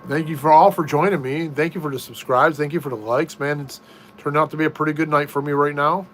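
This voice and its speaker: A man's voice: a little high, fairly even intonation, a bit bright, a little hiss or hum. A middle-aged American man hosting a casual live stream from a room at home, reading viewer comments in an easygoing way and often restarting his sentences. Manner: easygoing, slow, repeats himself and restarts.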